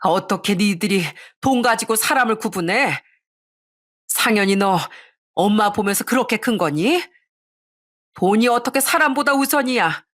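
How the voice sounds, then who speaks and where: A woman's voice: medium pitch, lively intonation, normal speed, fairly bright tone. A woman reading an angry older mother who scolds her greedy son and daughter-in-law in a raised, indignant voice. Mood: anguished, furious.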